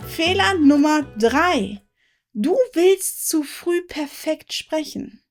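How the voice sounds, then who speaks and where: Patient lady teaching, slow clear talk, bit high, faint music behind. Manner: calm, patient, speaks slowly and plainly for learners. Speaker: German teacher, channel host.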